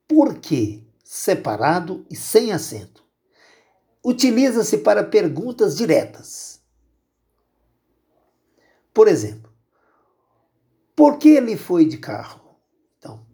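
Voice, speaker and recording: A Brazilian man teaching a grammar lesson, his voice low and gravelly with a dark, mellow tone. His pitch moves freely up and down as he patiently explains and repeats each rule. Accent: Brazilian Portuguese.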